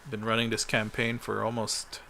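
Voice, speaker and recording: Halting gravelly man running a tabletop game. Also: fairly low pitch, sharp tone, slight background noise. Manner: halting, many ums and uhs. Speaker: game master. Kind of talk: recapping a tabletop game session.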